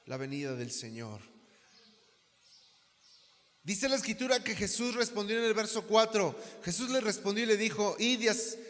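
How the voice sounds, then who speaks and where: A man's voice: sits high, fairly bright tone. A man with a Mexican accent, a pastor preaching a sermon, asking the congregation rhetorical questions. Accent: Mexican Spanish. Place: church hall. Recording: long reverb of a church hall.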